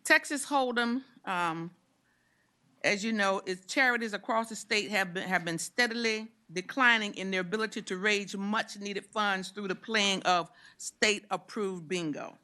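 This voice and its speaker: A woman senator presenting a bill to a committee, reading its provisions in a brisk, steady way. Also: mid-range voice. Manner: brisk, reads provisions steadily, stumbles on repeats when challenged. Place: legislative committee room.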